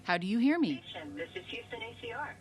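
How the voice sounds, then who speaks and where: A woman acting as a ground control radio operator, giving crisp, procedural callouts during a voice check over a radio communication link. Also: fairly high pitch, sing-song, fast. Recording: distant radio feed with noise.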